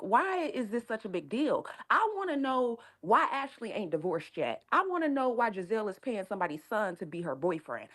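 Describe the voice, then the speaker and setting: Sassy woman caller, lively pitch swings, dramatic delivery. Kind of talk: call-in opinion.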